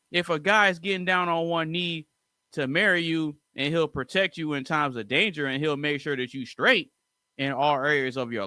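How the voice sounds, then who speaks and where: A man's voice: a little high, sharp tone, clean tone, dry recording, studio quality. A man hosting a casual music reaction, giving opinionated commentary and lecturing straight to his viewers.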